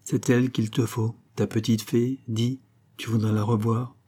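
A man voicing a devoted, fretful old male servant who talks in a pleading, fervent way, his voice husky. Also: medium pitch, little pitch movement, moderate pace, mellow, lightly acted. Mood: tender.

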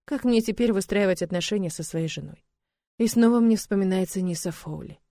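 A woman reads a novel aloud in steady, even first-person narration. Her voice is mellow and the recording dry and close to the mic. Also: medium pitch, brisk, no echo. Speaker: audiobook narrator.

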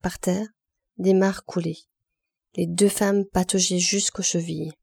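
A woman narrating a classic novel aloud in an expressive, measured reading. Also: fairly low pitch, vocal fry, slightly rough, no room sound, clean studio sound. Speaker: audiobook reader.

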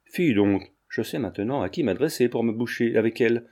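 A man voicing a blustery, domineering old male lawyer who scolds gruffly, read from a classic novel. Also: mid-range voice, animated, fairly quick, mellow. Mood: confident. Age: older.

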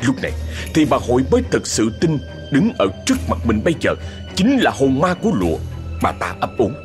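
A man's voice: mid-range voice, a little fast, faint music behind. A man narrating a ghost story dramatically. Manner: dramatic, expressive.

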